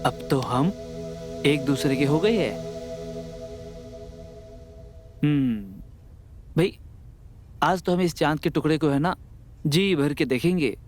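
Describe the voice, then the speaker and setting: An actor playing a young village husband, teasing and fond, then urgent when trouble comes. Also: male voice, a little high, expressive, unhurried, long pauses, soft background music. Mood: affectionate. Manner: teasing, repeats filler tags. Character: doting young village husband, protective son. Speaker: young husband, elder son.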